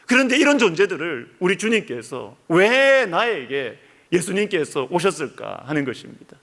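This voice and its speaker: A man preaching a Sunday sermon as pastor, lively, his voice rising high when he acts out prayers. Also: moderate pace. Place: church sanctuary. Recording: church hall reverb.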